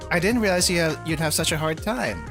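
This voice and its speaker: A woman acts out a kind teacher from a game story, gentle and reassuring. The delivery is calm, with music playing clearly behind it. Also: sits low, brisk.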